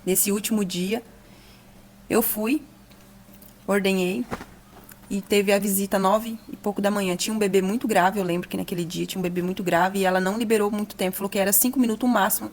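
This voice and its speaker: A woman's voice: mid-range voice, steady tone, a little fast, darkish tone, slight background noise. A young woman in a podcast telling an emotional testimony, earnest and at times close to tears. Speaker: guest giving testimony.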